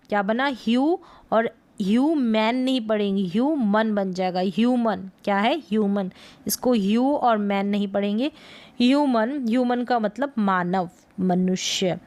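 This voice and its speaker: A woman teaching English pronunciation in a slow lesson, spelling out letters and repeating each word. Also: a little high. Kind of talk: slow explanatory lesson in Hindi.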